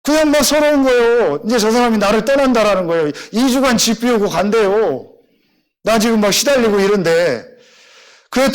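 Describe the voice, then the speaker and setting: A middle-aged male pastor preaching a sermon with emphatic, animated storytelling. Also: sits high.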